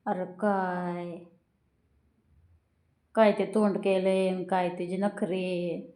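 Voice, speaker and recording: A woman talking to her pet cat at home in a high, teasing baby-talk voice, scolding it playfully. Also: level tone, drawn-out words, mellow. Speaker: pet owner. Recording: echoey room.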